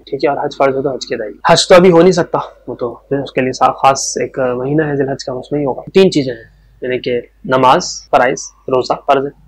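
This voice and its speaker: A man giving a spoken religious lesson, explaining points step by step and slowly repeating key words for emphasis. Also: on the high side. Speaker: religious teacher.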